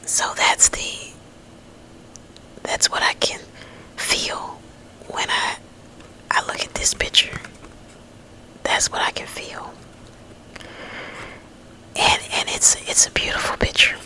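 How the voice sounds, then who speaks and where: A woman rambling gently in a breathy ASMR whisper, lingering on drawn-out words. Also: low-quality recording. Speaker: ASMR host.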